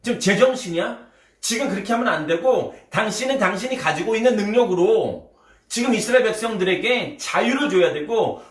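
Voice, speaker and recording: A man voicing an indignant male disciple loudly protesting against his master. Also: high-pitched, far from the mic, pitched above the performer's own voice. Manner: loud, protesting. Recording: roomy, from the mic.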